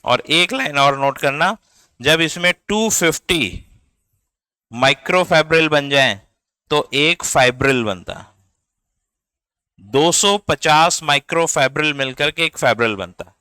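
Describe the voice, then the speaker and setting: Male biology teacher, slow and deliberate, clear crisp voice, dry close sound, spells terms out letter by letter. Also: a little high, lively intonation, sharp tone, no echo. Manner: explains step by step, checks in with "ठीक है" and questions to the class. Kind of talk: classroom lecture.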